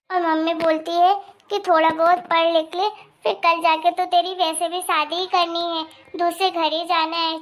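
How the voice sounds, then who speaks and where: A woman voicing a timid young girl, a maid's daughter, in an animated cartoon, speaking softly and pleading. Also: very high voice. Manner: timid, soft-spoken, pleading.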